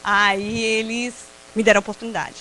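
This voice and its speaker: A Brazilian woman with a Brazilian Portuguese accent, giving a personal testimony talk at a prayer group, telling stories in a lively way, laughing often and acting out what people said. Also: on the high side, moderate pace, slight background noise, rough recording. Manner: lively storyteller who laughs often and acts out quotes. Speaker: invited speaker at a prayer group.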